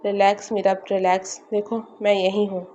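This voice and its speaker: A woman reading the lines of a brash, possessive young man who teases in low, intimate murmurs, on a slightly muffled recording. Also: completely flat delivery, dark tone, a little hiss or hum, lightly acted. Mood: urgent.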